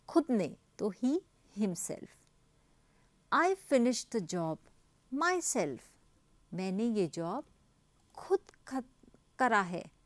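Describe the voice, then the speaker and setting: A woman teacher explaining grammar in a recorded lesson, reading example sentences slowly and asking and answering her own questions. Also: fairly high pitch, no room sound. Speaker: English teacher.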